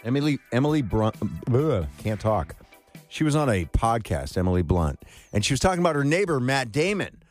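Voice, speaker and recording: A man's voice: mid-range voice, big pitch swings, brisk, soft background music. A man hosting a morning radio show, moving between upbeat announcements and casual banter in a radio studio. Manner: morning show host delivery.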